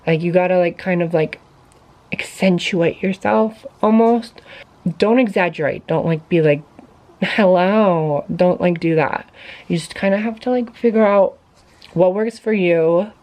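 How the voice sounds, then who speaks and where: A woman's voice: on the low side, normal speed, a little mellow, poor audio. A woman vlogger talking casually to camera, sharing tips in an informal, chatty way with many fillers.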